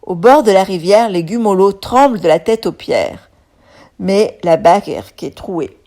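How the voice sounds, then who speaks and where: A woman storyteller reading a children's tale aloud. Her reading is expressive and animated, at a middle pitch for a woman. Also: a little slow.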